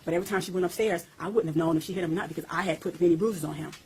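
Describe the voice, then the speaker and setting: A woman's voice: on the low side, fairly even intonation, very fast, a little mellow, slight background noise, poor audio. A woman being interviewed, speaking intensely and bluntly, with coarse language and a voice that climbs when she gets heated. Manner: intense, blunt and profane, voice rising as she recounts. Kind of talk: recorded interview.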